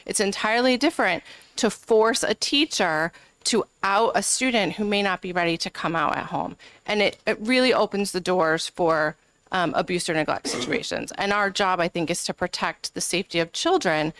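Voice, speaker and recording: At a committee hearing, a woman legislator presents an amendment, arguing her case earnestly with frequent ums. Her voice is on the low side and a bit bright, at normal speed, with a clean tone and no echo.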